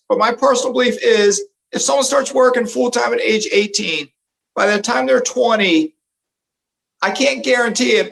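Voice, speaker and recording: A man's voice: high voice, gravelly, a bit bright, rough recording. A man in his fifties hosting a casual interview, affable, repeating facts back to his guest. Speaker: interview host.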